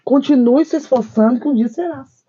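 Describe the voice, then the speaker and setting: A woman's voice: a little fast, warm tone, husky, highs cut off. A woman co-hosting a spiritist discussion program, speaking emphatically and telling stories with quoted dialogue. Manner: wide swings of pitch when stressing points. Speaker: co-host.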